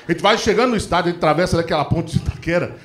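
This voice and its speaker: A middle-aged man doing a stand-up comedy routine, telling animated stories full of acted-out quotes. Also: fairly high pitch, racing. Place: comedy stage before a live audience. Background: audience laughter.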